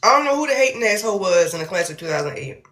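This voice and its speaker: A woman's voice: mid-range voice, big pitch swings, very fast, fairly bright tone. A woman, co-hosting a casual podcast in a playful, joking way. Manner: joking, playful, eating while talking. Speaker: podcast co-host. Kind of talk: casual chat. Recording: echoey room with faint noise.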